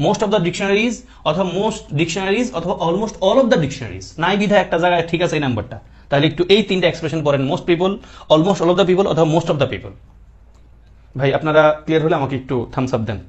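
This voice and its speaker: A man teaching English grammar in an online exam-prep class, explaining patiently and checking in with his students. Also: fairly high pitch.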